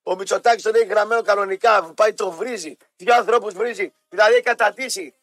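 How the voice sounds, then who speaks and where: A man's voice: high voice, steady tone, a bit bright, dry recording. A man co-hosting a casual radio chat show, complaining and ranting in lists. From Greece. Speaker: co-host.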